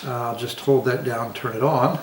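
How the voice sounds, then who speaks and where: In an indoor home dining room, an older man in his sixties or beyond demonstrates a product casually, reviewing it in a plain-spoken, folksy, easygoing style. He has a mid-range voice with fairly even intonation and normal pace. The room sounds echoey and the microphone is distant.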